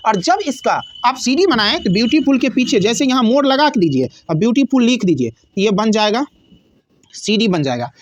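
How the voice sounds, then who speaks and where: A woman teaching a grammar lesson, who asks questions and answers them herself and repeats key words slowly. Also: fairly high pitch, very animated, lo-fi sound.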